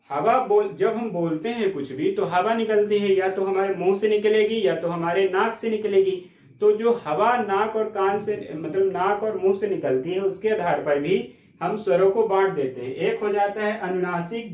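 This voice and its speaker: A man teaching a Hindi grammar class, explaining step by step, checking with the class, and stretching out sounds slowly to demonstrate them. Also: high-pitched, darkish tone, distant mic. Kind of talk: classroom lecture. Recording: echoey room, mic set back.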